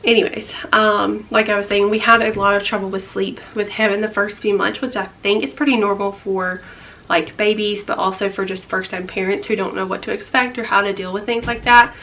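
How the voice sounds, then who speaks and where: A woman's voice: mid-range voice, steady tone, a little fast, bright, forceful tone, a little hiss or hum. A young woman chatting through a casual life update vlog, a little out of breath and rambling with lots of fillers. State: slightly out of breath. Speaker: vlogger.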